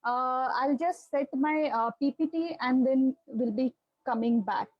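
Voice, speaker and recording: A woman with an Indian accent teaching yoga online in a measured, instructive way. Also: sits high, no room sound, muffled recording. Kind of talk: online lecture and guided breathing relaxation.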